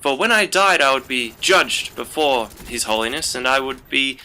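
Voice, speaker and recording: A man's voice: medium pitch, lively intonation, normal speed, pushed and bright, slight background noise. A young man hosting a gaming channel, telling a rambling story in casual commentary over gameplay, with frequent fillers. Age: young adult.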